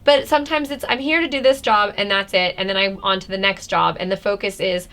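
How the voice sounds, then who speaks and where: A woman's voice: medium pitch, fairly even intonation, a little fast, fairly bright tone. A woman hosting a casual interview, asking reflective questions and affirming her guest. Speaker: interview host.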